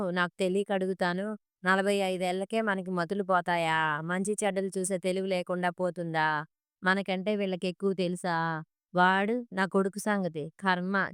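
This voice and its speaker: A woman's voice: lowish voice, clear, resonant tone, dry recording, clean studio sound, natural voice. Woman voicing a grumbling middle-aged mother-in-law. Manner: scolding, complaining questions.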